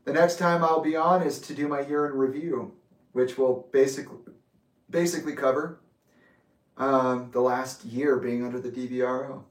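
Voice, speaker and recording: A man in his late twenties giving an intense, accusatory personal reflection, speaking deliberately. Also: medium pitch, fairly even intonation. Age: 20s. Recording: echoey room, distant mic.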